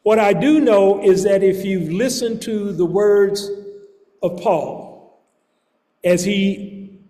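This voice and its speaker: A man with a rather high voice delivers a sermon at an unhurried, measured pace. His words ring out in a large church with a long, lingering reverb. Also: warm tone. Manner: slow, measured preaching with deliberate pauses. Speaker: preacher.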